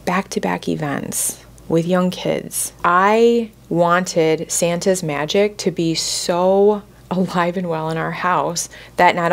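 A woman's voice: fairly low pitch, vocal fry. A woman in her forties hosting a podcast, telling a personal story in a candid, heartfelt, casual way. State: close to tears at moments. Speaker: podcast host.

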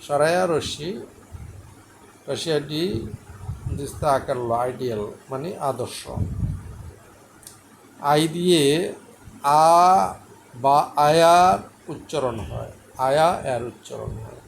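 A man with a slightly high voice teaches English pronunciation in a patient lesson. He spells out each letter and sound slowly and repeats every word. A faint hiss of noise sits under the recording. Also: vocal fry.

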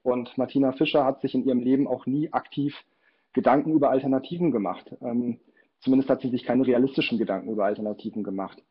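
Male moderator; measured, formal questions; slightly lo-fi audio. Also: medium pitch, steady tone. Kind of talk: interview questions. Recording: slightly dull, lo-fi sound.

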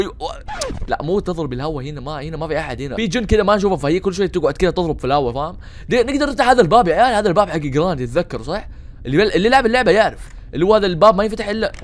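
A young man rattles through a let's-play at breakneck speed. His voice sits a little high, and he keeps up a stream of teasing jokes and excited outbursts aimed at the game. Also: a little hiss or hum. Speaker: gaming channel host.

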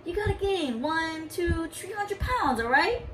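A woman voicing boisterous teasing older brothers, young sumo wrestlers who speak in a loud, mocking way. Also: very high voice, lively intonation, a little slow, distant mic, background noise, pitched above the performer's own voice.

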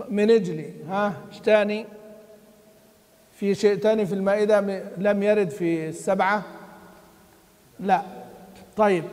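A man teaching Quran recitation in a lesson. He quizzes his students and then answers himself, and he chants the quoted verses slowly. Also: high-pitched. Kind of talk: classroom lesson. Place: study hall of a mosque. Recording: long hall reverb.

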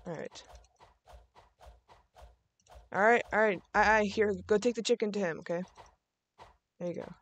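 A woman with a medium-pitched voice hosts a gaming video, chatting casually at a moderate pace with long pauses. While running a restaurant in the game, she laughs a lot and uses plenty of fillers.

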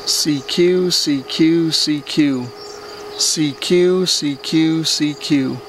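A man calling CQ on ham radio from his home garage, spelling call signs in a slow, measured on-air manner. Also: a little high, a little hiss or hum. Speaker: amateur radio operator.

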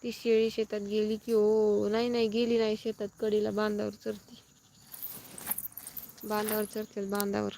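A woman chats casually on a live stream from her farm field, her voice dark and mellow with a gravelly edge. She talks in a flat, even tone, thanking viewers one by one, while crickets and insects hum outdoors around her phone. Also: mid-range voice, unhurried, pauses often. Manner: reads out comments and thanks viewers, chatty.

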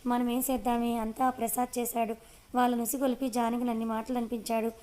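An older village husband, worried and earnest, as a woman reader speaks his lines. The delivery is level and flat, in a fairly high register for the part. It is a storybook reading. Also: a little fast, close to an everyday voice.

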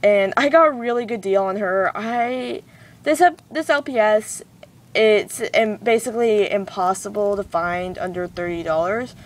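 A woman's voice: medium pitch, unhurried. A teenage girl with a slight cold and sore throat chatting bubbly to camera while unboxing a toy, wearing a retainer. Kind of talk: casual chat to camera. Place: home, cars passing outside. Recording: mic a bit distant, faint street noise.

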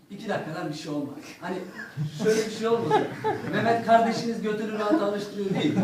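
A man's voice: high voice, a little hiss or hum. A young man doing stand-up, telling crude stories and acting out the voices of the people in them. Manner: acts out the voices in his stories, crude punchlines. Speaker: stand-up comedian. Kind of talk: stand-up storytelling. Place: comedy stage in front of an audience. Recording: echoey hall, heard from a distance.

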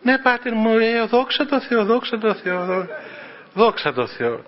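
A man's voice: high-pitched, big pitch swings, dull audio, pitched above the performer's own voice. A man with a Cypriot Greek accent, voicing a flustered middle-aged man who answers his priest deferentially and eagerly.

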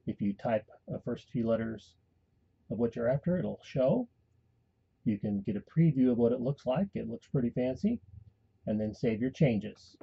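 A man calmly giving a step-by-step voice-over tutorial for a tabletop game tool. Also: medium pitch, muffled recording, a little hiss or hum. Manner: calm step-by-step instruction. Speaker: tutorial host and game master. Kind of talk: screen-recorded software tutorial.

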